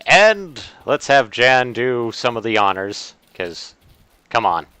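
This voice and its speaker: A man's voice: medium pitch, very animated, slow, bright, forceful tone, clear, resonant tone, no room sound. A man streaming a video game, chatting casually with a co-host and rambling with lots of filler words and restarts.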